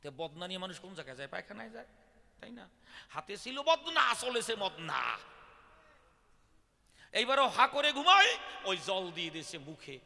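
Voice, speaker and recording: A man's voice: high-pitched, sing-song, fairly quick, vocal fry, sharp tone. Guy preaching on stage into a mic, keeps asking the crowd questions, big echoey hall. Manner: rhetorical questions to the audience, vivid. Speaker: devotional folk poet-singer. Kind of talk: devotional storytelling discourse to a live audience. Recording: reverberant hall.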